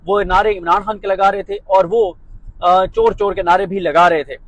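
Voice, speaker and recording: A man with a Pakistani Urdu accent delivers political commentary in a sarcastic, emphatic way. His voice sits high for a man. The recording is dry, with no room echo. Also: steady tone, moderate pace.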